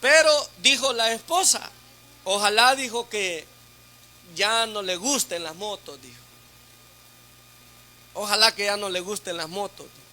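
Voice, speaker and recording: A man preaching as a deacon in a sermon to a church women's meeting, teaching through rhetorical questions and frequent tag questions, going loud on questions and soft on asides. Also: high-pitched, a little slow, pauses often. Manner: speaks loudly on questions, then drops to a soft aside.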